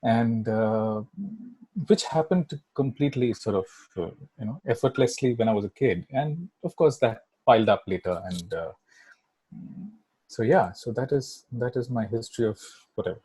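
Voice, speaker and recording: A middle-aged filmmaker from Kolkata, a native Bangla speaker with an Indian English accent, chats casually as an interview guest, rambling with lots of fillers and "right?" tags. His husky, dark-toned voice sits at medium pitch with lively intonation and a moderate pace. The recording is dry and low in quality.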